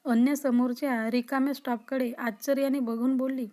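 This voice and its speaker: A woman narrating a serialized love story in a steady storybook reading. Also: high-pitched, moderate pace.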